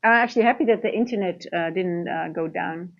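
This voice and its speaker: A woman with a lowish voice talks fairly quickly in a casual livestream chat. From the Netherlands and Dutch-accented, she's the host and a trading coach, speaking informally and addressing the chat directly; the audio is dull and lo-fi.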